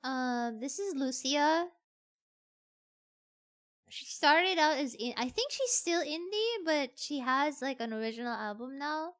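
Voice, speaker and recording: A woman's voice: sits high, lively intonation, measured pace, fairly bright tone. A woman with a Filipino accent chatting casually on a livestream, often repeating phrases for emphasis. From Philippines. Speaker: VTuber streamer.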